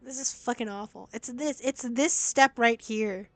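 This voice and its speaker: A woman's voice: fairly high pitch, measured pace, fairly bright tone. A young woman streaming a game, talking in a blunt, sweary, exasperated way as she reacts. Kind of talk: casual game-stream commentary. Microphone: laptop stream mic.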